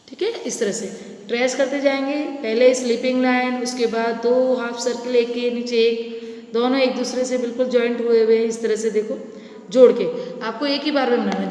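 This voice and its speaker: Woman teacher, high voice, patient and repetitive, recorded in a roomy, echoey space. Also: darkish tone. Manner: patient, repetitive, asks and answers own questions. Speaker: nursery teacher. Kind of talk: teaching children handwriting.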